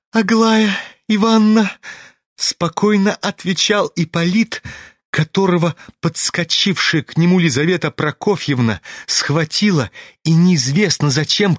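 A man narrating a classic novel in a measured, even storytelling manner. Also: fairly high pitch, dry recording. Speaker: audiobook narrator. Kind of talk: scripted literary narration.

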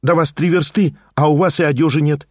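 A man reading a novel aloud and voicing a fussy, scheming young man who pleads and coaxes in a rapid, high patter. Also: steady tone, darkish tone, dry recording, studio quality, natural voice. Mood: coaxing. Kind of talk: audiobook character reading.

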